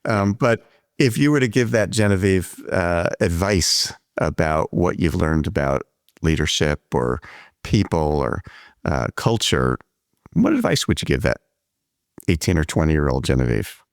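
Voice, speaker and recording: A man hosting a podcast conversation, speaking in a measured, reflective way and explaining his ideas at length. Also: low-pitched, very animated, creaky, dry recording, clean studio sound. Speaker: podcast host. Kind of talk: conversational interview.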